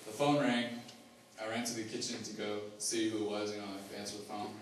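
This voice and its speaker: A young man giving a personal testimony as a student, halting, with many fillers and restarts. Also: fairly low pitch, level tone, slight background noise. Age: young adult. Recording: echoey hall, mic far off, faint ambience.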